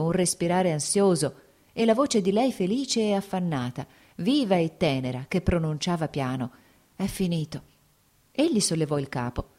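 A woman with a fairly low voice narrates a classic novel as an audiobook, reading aloud in a steady, measured way.

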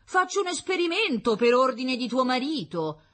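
A woman voicing a loud, heavy older concierge who mocks her neighbor in a shrill, brash voice. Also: big pitch swings, moderate pace. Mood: triumphant.

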